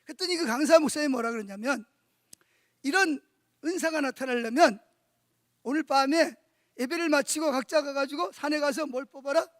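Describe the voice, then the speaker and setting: High-voiced male pastor preaching. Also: normal speed, pauses often, no room sound, studio quality. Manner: animated storytelling with frequent rhetorical questions to the congregation. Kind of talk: sermon at a church conference.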